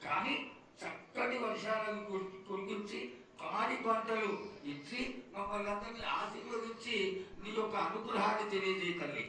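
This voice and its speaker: Casting: male devotee petitioning an oracle, very high voice, deferential pleading, heard at a distance in heavy echo. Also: normal speed, bright, forceful tone. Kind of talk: reverent ritual petition. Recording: echoing, distant mic, faint ambient noise.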